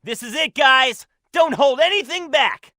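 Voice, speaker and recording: A cocky upbeat cartoony hedgehog hero for a game, bright forceful voice, dry sound. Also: male voice, very high-pitched, a little slow, no room sound, heavily acted. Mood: cocky, excited. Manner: brash, energetic. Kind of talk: video game in-action voice lines.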